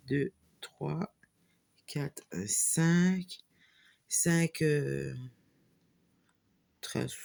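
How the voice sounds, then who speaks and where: Slow, hesitant woman unboxing a craft kit. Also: a bass voice, vocal fry, dark tone. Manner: hesitant, halting, many fillers and restarts. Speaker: hobby channel host. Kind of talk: casual unboxing vlog. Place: away from home. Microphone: camera on a small tripod.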